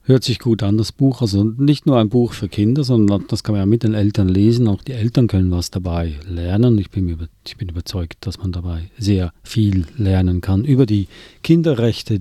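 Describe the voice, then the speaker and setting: A man hosting a radio book programme who introduces the titles in a measured, explanatory way. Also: lowish voice, warm tone, husky, no room sound, clean studio sound. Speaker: radio host.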